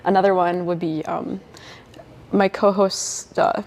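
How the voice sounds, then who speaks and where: A young woman co-host answering in a measured, wry way. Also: lowish voice, level tone, a little mellow. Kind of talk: casual interview answers.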